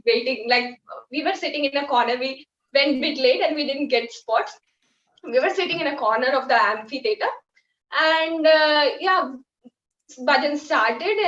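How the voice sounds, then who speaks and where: A young woman from India with an Indian English accent, telling a personal story as a guest in a halting, heartfelt way with many fillers. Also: high-pitched, a bit bright. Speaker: guest volunteer. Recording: echoey, distant, dull sound.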